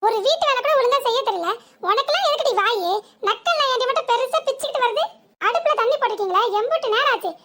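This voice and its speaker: A woman doing a squeaky scolding village wife. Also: animated, very noisy. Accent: southern Tamil village dialect. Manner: scolding, sarcastic, rapid. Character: sharp-tongued young village wife, quarrelsome. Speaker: cartoon character. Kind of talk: comic cartoon voice acting.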